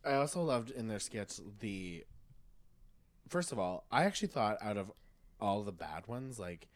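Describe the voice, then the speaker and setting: A man chatting casually on a podcast, animated, acting out quotes. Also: fairly low pitch, unhurried, no room sound. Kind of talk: casual chat.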